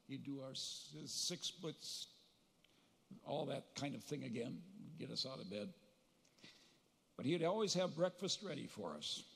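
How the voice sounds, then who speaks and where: An older man gives a funeral eulogy for his brother at a podium microphone, telling family stories with gentle humor and pauses to recall details. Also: mid-range voice, vocal fry, husky. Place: large funeral hall. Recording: long reverb of a large hall.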